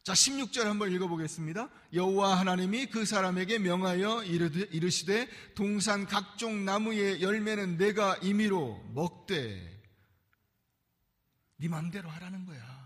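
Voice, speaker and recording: A man preaching a sermon as pastor, animated and acting out the voices he quotes. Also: sits high, moderate pace, big-room sound. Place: church sanctuary.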